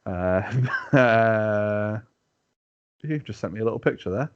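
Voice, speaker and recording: A man's voice: fairly low pitch, takes it slowly, smooth, highs cut off. A man who is a guest on a casual podcast chat, teasing the host and laughing easily. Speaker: podcast guest, team captain.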